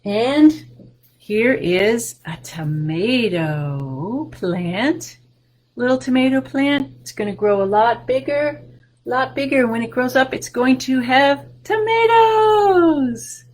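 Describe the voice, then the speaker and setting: This woman in her sixties is a children's librarian doing storytime and show-and-tell on a webcam call, reading a picture book and holding up plants from an indoor room with bookshelves. Her high-sitting voice is warm and slow, sing-song with big excited rises for the children.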